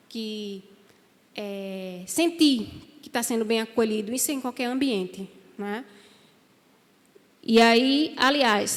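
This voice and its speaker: High-voiced woman in a reverberant church hall. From Brazil. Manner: warm, conversational, frequent "né?" asides to the audience. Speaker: guest speaker at a church. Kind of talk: talk to a church audience.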